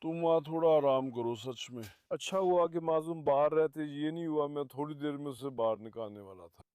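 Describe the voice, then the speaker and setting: Outdoors on his farm, a man with a fairly high, slightly mellow voice talks casually to the camera for his pet vlog at a moderate pace. He coos affectionately at his dogs, calling them his lions as though they were his children. The recording is dry with a clean tone.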